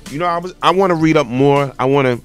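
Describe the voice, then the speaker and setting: A man hosting a call-in show like a morning radio DJ, chatting informally, repeating phrases and giving shout-outs. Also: fairly high pitch, fast talker, faint music behind.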